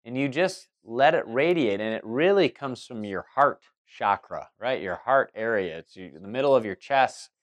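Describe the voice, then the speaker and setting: A man's voice: medium pitch, lively intonation, normal speed, few pauses. Rambling man musing aloud. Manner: rambling, many restarts and fillers. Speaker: spiritual talk host. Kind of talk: casual spoken monologue.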